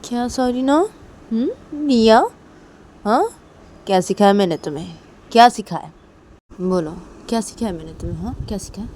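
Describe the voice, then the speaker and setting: A woman's voice: mid-range voice, moderate pace, long pauses, slight background noise, voice pushed up, natural voice. A woman voicing an angry young mother who scolds her child harshly. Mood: angry, scolding. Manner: sharp, scolding interrogation.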